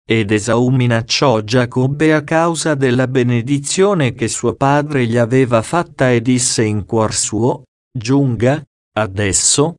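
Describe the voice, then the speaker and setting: A man reading scripture aloud in a slow, solemn, measured way. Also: mid-range voice, darkish tone, dry recording, clean studio sound. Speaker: audiobook reader.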